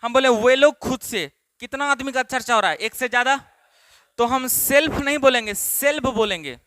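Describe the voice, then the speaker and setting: In this classroom lesson, a Bihari-accented man from Bihar runs a spoken English class, repeating identical questions to drill his students. He speaks at an extremely high pitch, a little fast, with a sharp, clean tone and no echo.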